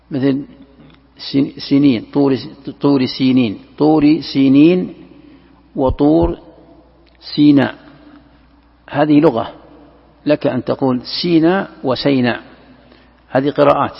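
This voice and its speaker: A male religious teacher lectures with a heavily gravelly, husky voice, walking through each point and answering his own questions. The recording is dull and lo-fi, with a long reverb from a large hall. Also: medium pitch. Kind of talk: classroom lecture commentary.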